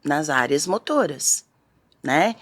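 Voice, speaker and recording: Lower-pitched woman explaining patiently. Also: animated, slow. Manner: didactic, explains step by step with frequent "né?". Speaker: speech therapist guest. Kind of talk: explanatory interview talk.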